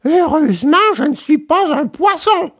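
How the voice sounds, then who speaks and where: A cheeky little wooden puppet boy chirps in a very high, shrill voice far above a man's own. He talks with a bright, mischievous snap. The voice is plainly a storybook child. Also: sing-song, unhurried, exaggerated voice. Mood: hopeful.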